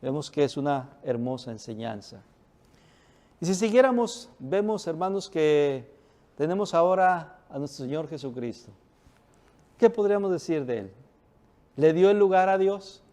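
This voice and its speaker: A man's voice: a little high, darkish tone. A man preaching a sermon, reading scripture aloud, asking questions and answering them himself, calling his listeners brothers. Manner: calls listeners "hermanos". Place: church.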